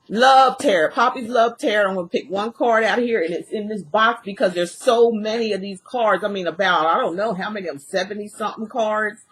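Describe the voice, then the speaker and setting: A woman's voice: mid-range voice, fairly bright tone, breathy edge. A woman giving a casual tarot reading in a folksy, rambling way, her speech slightly impeded by a dental retainer. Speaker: tarot reader.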